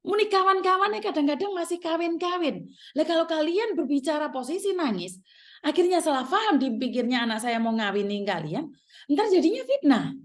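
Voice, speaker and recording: Seorang wanita paruh baya berlogat Jawa yang tegas dan berulang-ulang menasihati penontonnya dalam vlog. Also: female voice, high-pitched, sing-song, a little fast. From Indonesia. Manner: firm, repetitive, emphatic. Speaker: channel host giving advice to migrant workers. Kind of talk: scolding monologue to viewers.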